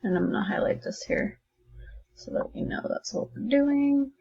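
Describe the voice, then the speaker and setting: Gravelly-voiced woman teaching math. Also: high-pitched, moderate pace, dark tone, in a whisper, dull audio. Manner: chatty, encouraging, thinks aloud while writing. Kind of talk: recorded distance-learning math lesson.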